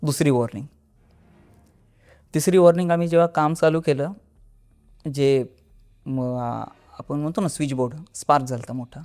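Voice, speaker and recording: A man's voice: a little high, fairly even intonation, normal speed, long pauses, darkish tone. A man, a podcast guest, telling a first-person horror story in a conversational way, with restarts, acting out what people said. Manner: vivid, acts out dialogue.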